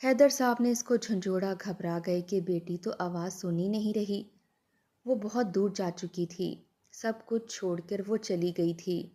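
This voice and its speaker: A woman's voice: mid-range voice, warm tone. A woman narrating an emotional story in an earnest, dramatic way.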